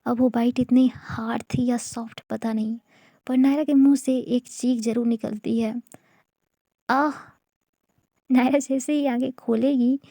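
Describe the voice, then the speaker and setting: A woman narrating an audio love story in a slow, conversational manner with casual asides. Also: fairly high pitch, mellow, no echo, clean studio sound.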